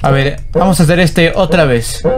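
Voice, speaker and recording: Give me a jumpy man doing horror let's-play commentary, slightly high-voiced, mixing in English slang. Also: normal speed, background noise. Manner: nervous, jumpy, frequent yelps and muttered prayers. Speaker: gamer. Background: game music.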